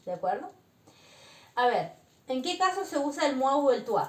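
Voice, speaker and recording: A woman teaching beginner French, explaining slowly and patiently and often checking that her students follow. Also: high voice, big pitch swings, roomy sound. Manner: slow, patient explaining with frequent check-ins. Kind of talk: beginner language lesson.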